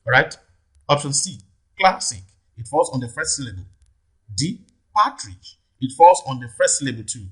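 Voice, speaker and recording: Husky Nigerian tutor repeating words slowly. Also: male voice, fairly high pitch, a bit bright. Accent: Nigerian English. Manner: slow, drawn-out repetition of words, frequent "okay" checks. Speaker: English tutor. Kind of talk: exam-prep lesson.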